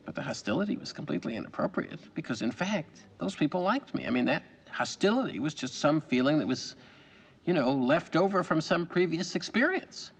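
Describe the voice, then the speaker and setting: A wry, husky-voiced anxious actor. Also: male voice, a little high, animated, fairly quick, heavily acted. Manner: rambling, self-mocking storyteller. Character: wry, anxious middle-aged man, a stage actor. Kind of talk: 1980s film dialogue.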